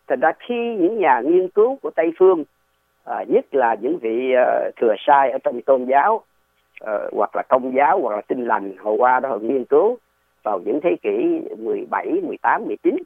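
A man's voice: mid-range voice, very animated, moderate pace, no room sound. A man, a guest explaining history in a casual, digressive way and often asking rhetorical questions. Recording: tinny dry phone line.

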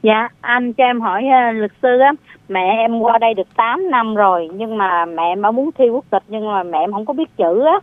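A woman's voice: a little high, moderate pace, no echo. Female radio caller, hesitant and worried, filler-heavy speech, phone-line audio. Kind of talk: phoning in a question. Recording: tinny phone line, dry.

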